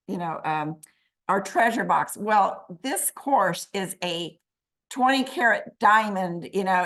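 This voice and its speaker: A woman's voice: mid-range voice, fairly bright tone. A woman graduate giving a grateful, hesitant thank-you speech on a video call. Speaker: graduating health coach student.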